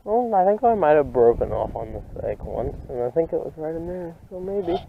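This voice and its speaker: An excitable young man talks through a day of pond fishing, teasing and calling out whenever a fish bites. His voice sits a little high. The sound is tinny and thin, as from an action camera, with a faint hiss of wind behind. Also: moderate pace, creaky. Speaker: fishing vlogger. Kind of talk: excited outdoor commentary. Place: outdoors at a pond bank. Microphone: head-mounted action camera.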